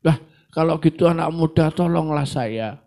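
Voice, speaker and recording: A man's voice: a little high, moderate pace, creaky, warm tone. A man voicing a condemned Islamic cleric who begs for help. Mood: pleading. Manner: pleading. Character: desperate male Islamic cleric facing execution.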